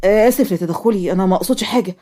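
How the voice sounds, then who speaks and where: A woman with an Egyptian accent voicing a polite, wealthy young man who speaks softly and earnestly. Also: medium pitch, very fast, pitched below the performer's own voice, natural voice. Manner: courteous, soft, earnest. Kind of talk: cartoon story voice acting.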